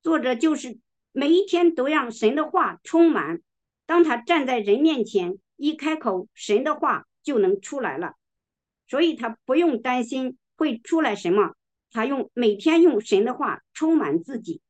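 A woman preaching a sermon, reading scripture slowly and with emphasis, now and then clearing her throat. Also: high voice, animated.

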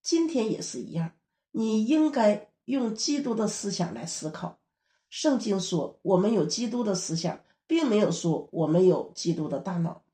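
A woman preaches a teaching sermon at a steady, explanatory pace. Her voice is mellow and warm. The room around her is echoey. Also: mid-range voice, normal speed.

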